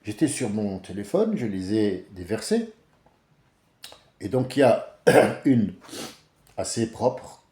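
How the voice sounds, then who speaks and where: A man's voice: lowish voice, sing-song, slow pace, long pauses, warm tone, reverberant. A man giving a casual, blunt monologue as a religious commentator, rambling with many restarts.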